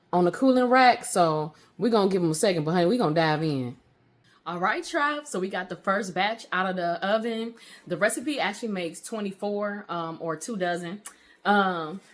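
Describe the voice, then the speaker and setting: A woman chatting casually in a home baking vlog, with lots of fillers, calling her viewers honey and y'all. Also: medium pitch. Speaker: vlogger. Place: home kitchen.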